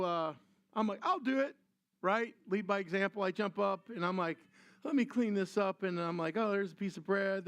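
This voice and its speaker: High-voiced animated older pastor. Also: male voice. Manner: animated storytelling with voiced asides. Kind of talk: sermon.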